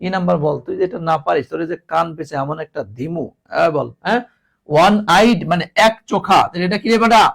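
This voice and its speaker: A man's voice: high voice, quick pace, creaky, fairly bright tone. A man teaching an English grammar class, repeating each word and teasingly scolding his students. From Bangladesh.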